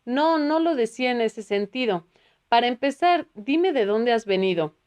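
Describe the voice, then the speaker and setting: A woman's voice: on the high side, expressive, normal speed, darkish tone, voice pushed up, natural voice. A woman voicing a curious, earnest man who asks questions with wry humor in a read-aloud spiritual book. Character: earnest middle-aged man, the curious narrator.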